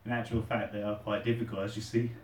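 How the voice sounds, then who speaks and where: A man's voice: lowish voice, flat delivery, fast talker, a little mellow. British guy chatting thru his push-up workout, casual vlog, mic kinda far off, echoey. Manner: chatting while doing push-ups, exerting himself. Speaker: host of a fitness challenge video. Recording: roomy echo, distant microphone.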